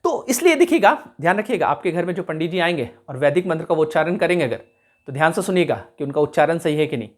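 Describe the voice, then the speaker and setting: Lively male teacher explaining slowly. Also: fairly high pitch. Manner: explanatory, asks the class checking questions; stresses and repeats key sounds slowly. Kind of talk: classroom lecture.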